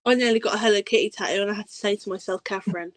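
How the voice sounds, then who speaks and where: A woman's voice: medium pitch, rapid-fire. A woman co-host in a casual chat, chipping in with short teasing and supportive remarks.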